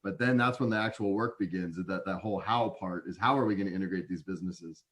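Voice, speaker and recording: Deep-voiced man talking shop casually. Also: fast, a bit bright. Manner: chatty, many restarts, acts out clients' voices. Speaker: guest, operations consultant. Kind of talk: conversational podcast interview.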